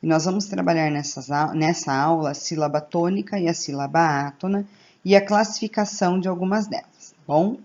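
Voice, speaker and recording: A woman teacher with a Brazilian Portuguese accent, giving a slow, careful recorded grammar lesson and checking in with her class. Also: lowish voice, darkish tone, dull audio.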